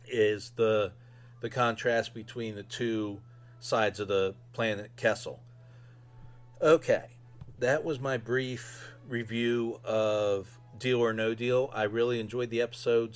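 A man casually giving his own fan review as a solo podcast host. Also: mid-range voice.

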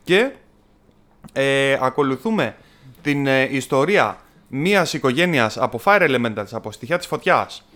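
A man's voice: medium pitch, lively intonation, a bit bright. A man in casual chat, telling a film's story in a rambling, jokey way with many fillers.

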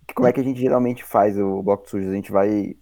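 A man's voice: fairly low pitch, fairly even intonation, fast, mellow, dry recording. A young man telling a story in a slangy, rambling way full of fillers on a casual podcast.

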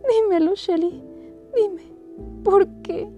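A high, tearful young daughter's voice, crying out and pleading in a storybook tragedy, as a woman reader puts her on. The tone stays mellow and soft-edged under the strain, with faint music behind. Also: fairly even intonation, slow pace, muffled recording, full character voice. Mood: anguished pleading. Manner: sobbing, pleading, high-pitched. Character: grieving young woman pleading over dying mother. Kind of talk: dramatic audiobook reading.

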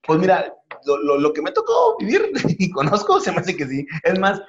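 A Mexican man in his forties hosts a comedy talk, rattling off slangy jokes at a fast clip. His voice sits a bit high. The recording is dull and lo-fi. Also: huge pitch swings. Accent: Mexican Spanish. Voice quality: rapid, slangy, joking delivery. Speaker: host. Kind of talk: comedic casual chat. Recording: dull lo-fi audio.

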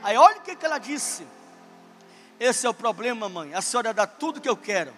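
A pastor preaching with a very high, bright and forceful voice. His sermon swells from earnest storytelling to impassioned cries, with faint music playing under his words in the church. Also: very animated, fairly quick. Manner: impassioned preaching, rising to shouts.

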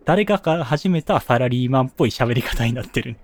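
A young man with a Kansai accent, chatting casually as a podcast co-host, musing with quick asides. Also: medium pitch, animated, dry recording. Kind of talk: casual chat.

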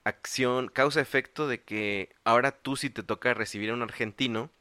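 A man's voice: mid-range voice, moderate pace, sharp tone, no room sound. A man, hosting a casual interview, chatty and slangy, asking follow-up questions. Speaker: host.

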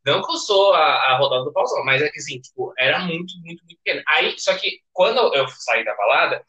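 Brief: young Brazilian man, podcast guest; lively, bright, animated storyteller. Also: on the high side, fast, highs cut off. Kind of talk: casual chat, storytelling.

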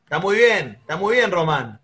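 A man with a Rioplatense Spanish accent, teaching a class in a lively way, asking the students questions. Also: high voice, normal speed. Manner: animated, asks the class questions, acts out quarrels. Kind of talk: classroom lesson.

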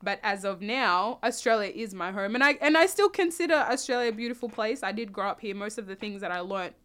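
A young woman from South Sudan, answering interview questions in a relaxed, reflective way, often restarting and adding "you know". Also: medium pitch, fairly quick, clean tone. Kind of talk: casual conversational interview.

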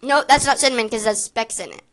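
A woman's voice: a little high, quick pace, fairly bright tone, low-quality recording. A woman chatting casually through a gross jelly bean taste challenge, giggly and squeamish. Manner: giggly, squeamish, lots of laughing. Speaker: co-host.

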